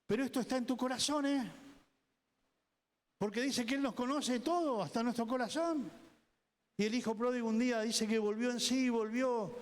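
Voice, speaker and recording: A man's voice: very high voice, normal speed, pauses often. A man with a Rioplatense Spanish accent, a pastor preaching a sermon with emphatic repetition. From Argentina. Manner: emphatic preaching, repeating words, voicing people in quotes. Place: church hall. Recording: church hall reverb.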